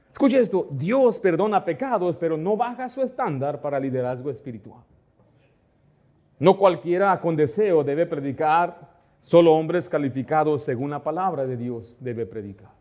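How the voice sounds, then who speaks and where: A middle-aged man preaches a sermon in a fairly high voice. He keeps turning to his listeners with rhetorical questions. He acts out the back-and-forth of his anecdotes as he goes. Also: a little mellow. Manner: asks the congregation rhetorical questions; acts out dialogue within anecdotes. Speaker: pastor.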